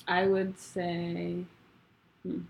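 A young adult college student from Rwanda, whose first language isn't English, is a guest in casual conversation. Her gravelly voice is on the low side, slow and completely flat, and she's soft-spoken and hesitant, with many fillers and restarts.

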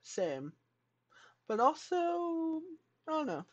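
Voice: high voice, sing-song, slow. A podcast co-host chatting casually and playfully, with joking asides, on an online voice call.

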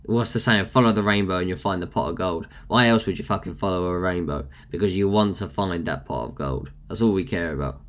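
A man's voice: low-pitched, fairly quick, hardly any pauses. A young man with a nasal voice, hosting a casual motivational rant and speaking bluntly with frequent swearing. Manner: blunt, swears freely, chatty. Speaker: podcast host.

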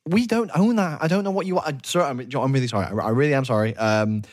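A man's voice: mid-range voice, quick pace, voice pushed up, natural voice. A man voicing a meek human receptionist who stammers and apologizes. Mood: flustered.

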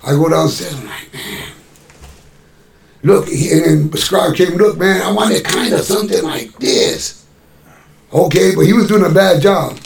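A man tells a story in loose, profane chat and acts out the voices of the people in it. His voice sits fairly high and has a gravelly edge. He is picked up from a distance in an echoey room. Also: a little slow. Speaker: musician telling a story. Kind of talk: casual storytelling.

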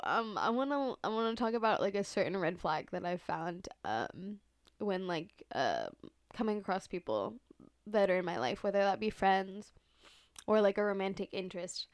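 A woman's voice: medium pitch, animated, measured pace, no echo, studio quality. A young adult woman hosting a casual solo podcast, talking in a slangy, profane, filler-heavy way with dramatic emphasis. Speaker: podcast host. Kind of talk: casual solo chatty monologue.

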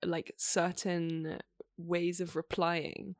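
Speaking very slowly in a fairly low, flat voice, this young Australian woman is an interview guest on a podcast. She's thoughtful and reflective in casual chat, often dropping in "like." The audio has studio quality and no echo.

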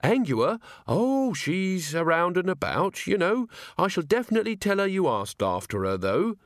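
A man's voice: high-pitched, sing-song, moderate pace, dry recording, clean studio sound, voice pushed up. A man doing a polite, earnest young watchman. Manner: courteous, earnest.

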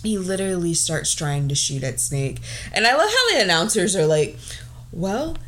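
A woman's voice: on the low side, a little fast. A woman co-hosting a casual podcast, recapping a film with lots of laughter and acted-out lines. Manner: animated, laughs often, acts out characters' lines. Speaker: podcast co-host.

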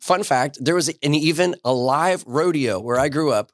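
A man's voice: a little high, normal speed, a little hiss or hum. A man from southern New Jersey, a church missions director, chatting casually as a podcast guest and laughing easily as he tells stories. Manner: relaxed, laughs often while telling stories. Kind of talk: casual interview.

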